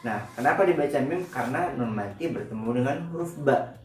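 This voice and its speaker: A man's voice: medium pitch, animated, fairly quick. A male Quran reading teacher giving a recorded lesson, explaining step by step with patience and often correcting himself mid-sentence. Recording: roomy echo, distant from the mic, faint music.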